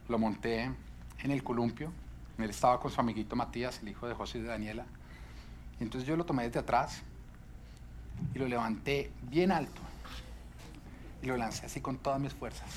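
Man preaching a sermon, emphatic, asks rhetorical questions, middling pitch. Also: slight background noise. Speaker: pastor.

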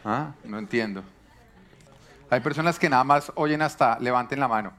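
A male preacher speaking to his congregation at a middle pitch. He keeps firing questions at the room and slipping in jokes as he teaches. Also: normal speed, a bit bright, slight background noise. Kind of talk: sermon.

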